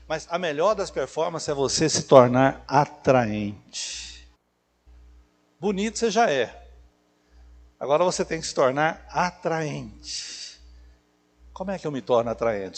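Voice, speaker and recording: A Brazilian man gives a church sermon in a slightly high voice, with long reverb around it. He builds his points in short, emphatic phrases and puts rhetorical questions to the congregation. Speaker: preacher. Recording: echoey hall with long reverb.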